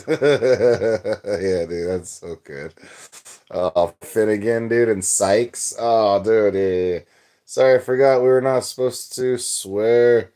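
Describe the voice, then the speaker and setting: A young man hosts a livestream, chatting casually and reading out viewer comments in a loose, rambling way full of filler. His voice is low and dark, and he takes it slowly.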